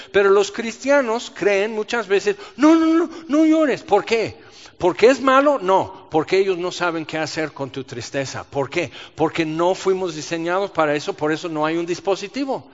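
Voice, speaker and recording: A high-voiced man preaching with lively rhetorical questions and sudden bursts when he acts out the people he quotes. His voice rings through a large church hall with a long reverb, and the recording sounds dull and muffled. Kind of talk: sermon.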